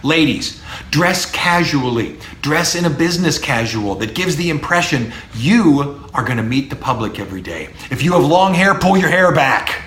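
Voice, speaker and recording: A baritone-voiced man in middle age gives a public speaking lecture as a speech professor, animated and emphatic, dropping low, punchy asides. He talks at a normal speed, and the sound is roomy.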